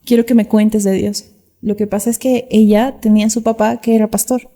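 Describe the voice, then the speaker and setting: A woman's voice: mid-range voice, level tone, a little fast, warm tone, long reverb tail. A young woman telling her personal story to camera outdoors, earnest and emotional, sometimes acting out what others said. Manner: earnest, acts out quoted voices. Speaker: vlogger sharing her testimony. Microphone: camera mic.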